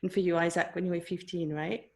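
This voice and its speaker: A woman hosting a podcast, asking questions in a casual interview and listening attentively with soft murmurs of agreement. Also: lowish voice, little pitch movement, fast. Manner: attentive, gives frequent soft backchannel murmurs. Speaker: podcast host.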